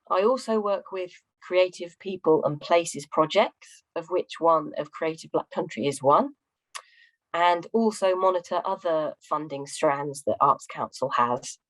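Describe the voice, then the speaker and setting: Female panel speaker, deep-pitched, hoarse and croaky with a gravelly fry. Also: low-quality recording. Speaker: arts funding relationship manager. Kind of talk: spoken self-introduction at a panel.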